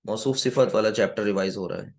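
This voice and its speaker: Guy teaching a grammar class, asks questions a lot, says the key words slow and twice. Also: on the low side, vocal fry. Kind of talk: classroom lecture.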